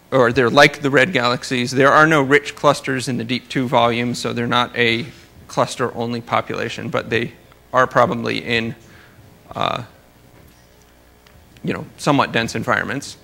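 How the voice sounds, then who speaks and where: An astronomer gives an informal research talk in a creaky, crisp-edged voice of middling pitch that sounds pushed and bright. He hedges his points with care and slips in dry, wry asides while explaining.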